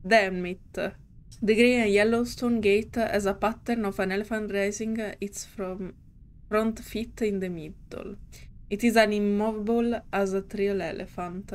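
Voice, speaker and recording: Woman streamer, slow and giggly, mid-pitched game reading. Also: fairly even intonation. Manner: slow, giggly and hesitant, with restarts. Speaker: gaming streamer. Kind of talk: reading a story game aloud with commentary.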